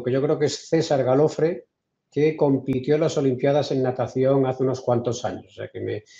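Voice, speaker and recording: A man from Spain with a Peninsular Spanish accent, giving an online lecture in a measured way, often restarting his sentences. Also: medium pitch, mellow. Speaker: invited speaker. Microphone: video call. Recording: roomy, dull video call audio.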